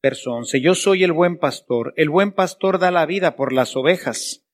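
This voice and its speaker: Male priest, sermon, rhetorical questions, slightly high voice. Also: measured pace.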